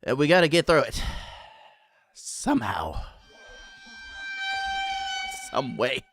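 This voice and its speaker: A man's voice: medium pitch, fast talker, loud music behind the voice. A young man streaming from home, chatting casually with viewers and often laughing as he reacts to the chat.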